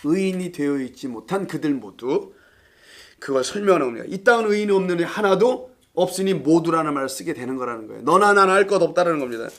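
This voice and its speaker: A male pastor teaching a Bible study class, playful, quizzing his listeners and laughing often. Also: fairly high pitch. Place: church classroom.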